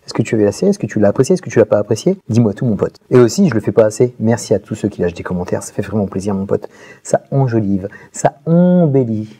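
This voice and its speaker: A man's voice: on the low side, sing-song, fast, warm tone, slightly rough. A man giving a casual, slangy TV series review straight to the viewer, calling him buddy. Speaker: video reviewer.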